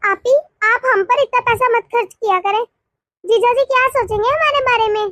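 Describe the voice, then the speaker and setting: A woman's voice: very high voice, moderate pace, sharp tone, no room sound. A woman voicing a polite, deferential young sister-in-law staying as a guest in a cartoon. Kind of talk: animated cartoon dialogue.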